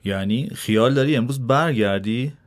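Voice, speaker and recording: A man voicing a cheerful, teasing elderly gardener with a raised, lively delivery in a spoken story. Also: mid-range voice, natural voice.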